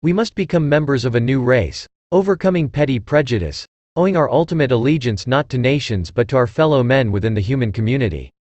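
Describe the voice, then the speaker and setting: A male narrator delivers inspirational quotations in a deep, firm voice. His scripted reading is solemn and measured, giving weight to the close of each phrase. The sound is dry, with no room around it. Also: lively intonation, darkish tone, dry recording. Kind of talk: scripted narration of motivational quotes.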